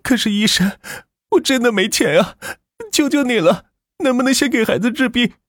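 Male narrator voicing a tearful young mother, high and pleading, dry close sound. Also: animated, normal speed, a bit bright, no room sound, exaggerated voice. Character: desperate young mother begging.

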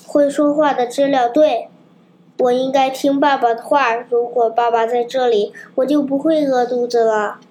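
A woman's voice: high-pitched, fairly even intonation, moderate pace, a little hiss or hum, lightly acted. A woman reading a storybook, voicing a naughty, rude wooden puppet boy who talks brashly. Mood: hungry, eager. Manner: brash, shouting, cheeky.

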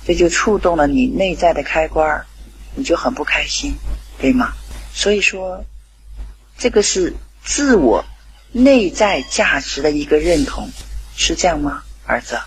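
A middle-aged woman telling a family anecdote, lively and quoting the dialogue in character. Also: sits low, a little slow, slight background noise, low-quality recording. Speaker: parent. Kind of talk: storytelling anecdote.

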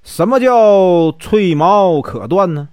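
A man's voice: high voice, expressive, slow, a little mellow, dry recording, clean studio sound. A man voicing a drunken, bullying street thug with a taunting, pushy way of talking.

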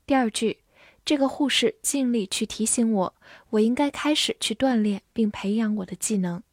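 A woman teaching English vocabulary in a scripted lesson. She says each English word twice, clearly, then explains it. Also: fairly high pitch, normal speed, no room sound, studio quality.

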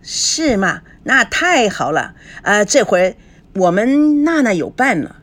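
A woman voicing a gentle, tactful middle-aged mother who smooths things over. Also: medium pitch, big pitch swings, slow, voice pushed up, heavily acted. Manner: soothing, tactful.

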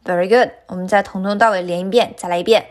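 A woman giving an online singing lesson, chatty and encouraging, stopping often to sing lines slowly for the learner. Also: medium pitch, fairly even intonation. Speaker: singing teacher.

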